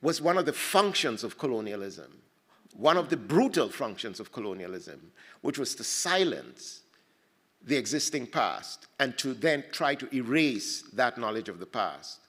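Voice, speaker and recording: A man from Ghana muses through a panel talk, stumbling over words and restarting as he gathers his thoughts. His voice is bright and ringing, and it hangs in the long reverb of a big hall. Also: mid-range voice, big pitch swings. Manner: halting, many restarts, thoughtful. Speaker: panel speaker at a poetry festival.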